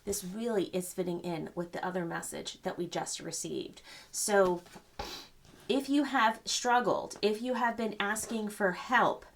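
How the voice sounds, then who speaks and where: An older woman giving a gentle, rambling spiritual card reading, full of fillers and reassurance. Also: medium pitch, fairly even intonation, a little slow, a little hiss or hum. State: choked up. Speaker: psychic reader.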